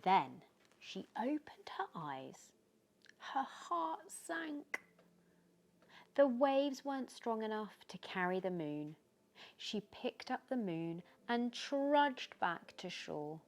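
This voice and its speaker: A British woman with a mid-range voice reads a children's bedtime story aloud, expressive and dramatic, often dropping into hushed tones. Music plays in the background.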